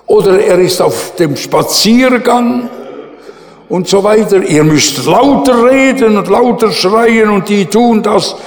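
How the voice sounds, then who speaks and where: A man voicing a fiery, commanding old male prophet in a retold story, proclaiming loudly and emphatically. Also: a little high, measured pace, natural voice. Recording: echoey hall.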